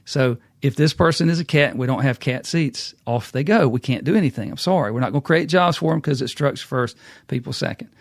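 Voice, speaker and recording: A man's voice: medium pitch, a little fast, no echo, clean studio sound. A middle-aged man, hosting a casual business talk and acting out quotes as a folksy storyteller. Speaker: podcast host.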